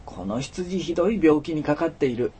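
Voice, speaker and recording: A man voicing a small, earnest boy in a storybook reading, speaking in a soft, slow, pleading child's voice. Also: fairly high pitch, lively intonation, a little hiss or hum, lightly acted. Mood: insistent. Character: small earnest boy, gentle but insistent.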